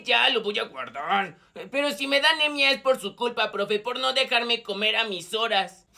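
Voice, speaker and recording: A man's voice: very high-pitched, lively intonation, normal speed, vocal fry, bright, forceful tone, exaggerated voice. A man voicing a cheeky teenage schoolboy who whines and talks back to his teacher in a comedy sketch. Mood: whiny. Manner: whiny, mouthy. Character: cheeky teenage schoolboy eating tuna in class.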